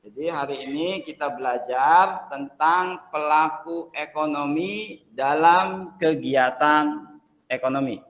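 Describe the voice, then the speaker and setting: A male teacher talks to his class in a loose, chatty way, dropping fillers as he tells a story. His voice sits slightly high. A long reverb from the classroom trails his words. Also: slow pace, fairly bright tone.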